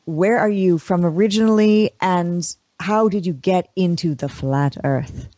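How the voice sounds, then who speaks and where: A woman's voice: on the low side, measured pace, warm tone, no echo. A woman co-hosting a talk podcast, chatting casually and introducing her guest. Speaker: podcast co-host.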